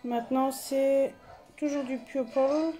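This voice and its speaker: Woman vlogger, high voice, casual rambling home chat. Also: steady tone, slow, dark tone, faint music behind. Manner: chatty, filler-heavy, self-correcting. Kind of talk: casual chat while swatching paints.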